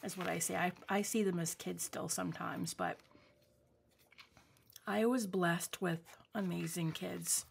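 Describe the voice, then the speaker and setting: Speaking a little slowly with vocal fry and a breathy edge, a woman in her forties from New England chats casually as she crafts at home. Her pitch is fairly low and her tone steady, and her warm, rambling asides come with many ums. She is a craft vlogger, and an overhead camera shows just her hands.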